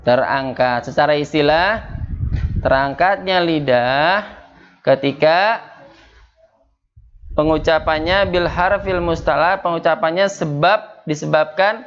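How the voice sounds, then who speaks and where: Slow, patient religious teacher. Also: male voice, on the high side, fairly bright tone, dull audio. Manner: slow, patient drilling of Arabic letters, quizzing students. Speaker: Quran recitation teacher. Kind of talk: tajwid lesson at a home study circle. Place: home study gathering.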